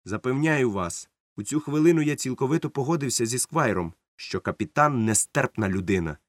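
A man reading an adventure novel aloud as a narrator, in a steady, measured storytelling manner. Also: medium pitch, no room sound, studio quality. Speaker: audiobook narrator.

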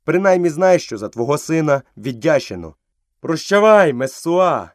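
A man's voice: on the high side, very animated, moderate pace, no echo, clean studio sound, pitched above the performer's own voice. A man voicing a proud, defiant young man raised in the jungle, scornful toward villagers. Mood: bitter.

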